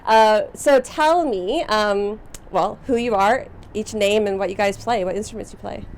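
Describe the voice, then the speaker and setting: A woman's voice: mid-range voice, a little slow. Woman, casual interviewer, friendly, laughs often, faint outdoor noise. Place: outdoor rooftop.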